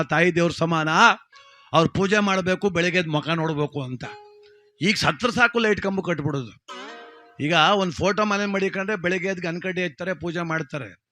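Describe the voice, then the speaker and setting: Comic male storyteller. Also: fairly high pitch. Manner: lively, animated, village-style banter.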